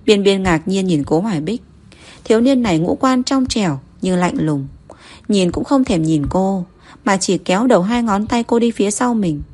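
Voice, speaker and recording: A woman narrating a novel in a steady, even reading voice. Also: medium pitch, moderate pace. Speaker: audiobook narrator.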